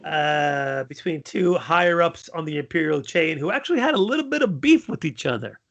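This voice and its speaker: High gravelly guy co-hosting a podcast, lots of ums. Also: lively intonation, fairly bright tone, muffled recording. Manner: laid-back, halting, many fillers. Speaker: podcast co-host. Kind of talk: casual chat.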